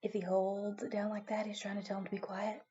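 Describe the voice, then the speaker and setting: A woman giving a video music lesson to young children as their teacher, animated and prompting them with questions. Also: medium pitch, fast talker, breathy edge, lo-fi sound.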